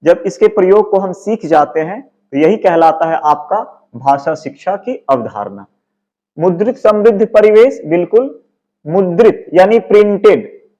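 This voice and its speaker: A man's voice: high voice, animated, a little slow, muffled recording. A male teacher with a Hindi accent from Bihar, explaining exam answers and posing questions he then answers himself. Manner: explanatory, asks and answers his own questions.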